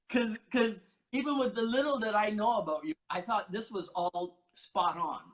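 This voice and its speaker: Host: man from Barbados, high voice, playful, teasing. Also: a little slow, poor audio. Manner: playful and teasing, reads notes aloud. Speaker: podcast host. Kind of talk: casual interview questioning.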